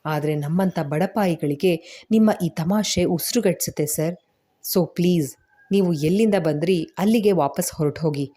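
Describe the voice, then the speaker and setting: A woman's voice: lowish voice, lively intonation, moderate pace, long pauses, mellow, breathy edge. A woman voicing a young mother who sounds curt and sarcastic on the surface but caring underneath.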